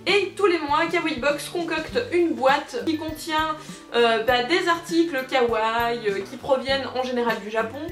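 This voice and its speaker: A bubbly young woman chats through an unboxing, gushing over each item and poking fun at herself. Her voice sits high, and she sounds a bit far from the mic in a roomy space, with music playing behind her. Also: a little slow, fairly bright tone. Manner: bubbly, gushing, self-mocking, with many fillers. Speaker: unboxing video host. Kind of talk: casual unboxing chat.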